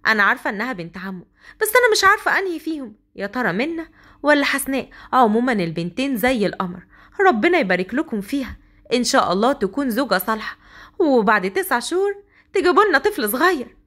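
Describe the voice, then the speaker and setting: Brief: woman playing a gushing aunt on a visit, talkative and lively, audio story. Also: a little high, quick pace. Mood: chatty. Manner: gushing, chatty. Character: chatty visiting aunt, admiring.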